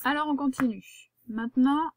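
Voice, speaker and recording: A woman's voice: high-pitched, normal speed, no echo, studio quality. A woman, a primary school teacher giving a patient, step-by-step handwriting lesson to a young child.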